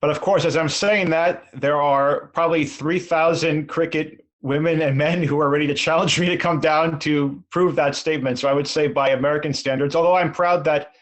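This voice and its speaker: A man's voice: fairly high pitch, fairly even intonation, moderate pace, hardly any pauses. A middle-aged man answering interview questions earnestly, rambling and self-deprecating, with frequent restarts. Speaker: sports league commissioner.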